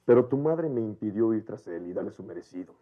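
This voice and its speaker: An actor playing an indignant, offended gentleman in a 1990s Mexican telenovela, with a Mexican Spanish accent. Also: lowish voice, expressive, quick pace, lightly acted. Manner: huffy, indignant. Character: indignant genteel man, stiff and offended. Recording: dull lo-fi TV audio.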